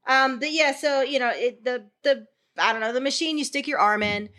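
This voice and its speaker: A woman's voice: sits high, normal speed, sharp tone. A woman co-hosting a podcast in casual chat, chatty, laughing often and trailing off mid-sentence. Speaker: podcast co-host.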